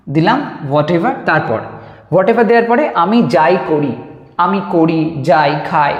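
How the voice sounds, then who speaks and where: A man teaching an English grammar lesson, patiently repeating examples and slowing down to spell them out. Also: high voice. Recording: echoey room with long reverb.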